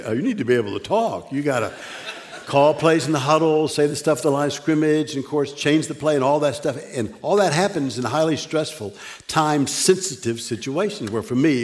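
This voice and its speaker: An older guest preacher delivers a sermon in a church sanctuary at a medium pitch. His speech has a stutter, with frequent restarts and pauses, and he leans on dry humor at his own expense.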